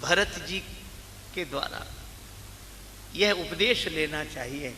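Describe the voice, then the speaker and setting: A man gives a devotional sermon in a very bright, ringing voice pitched a little high. He tells parables and briefly acts out the characters. The voice rings through a reverberant hall over faint background noise. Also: slow pace. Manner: acts out characters in his stories.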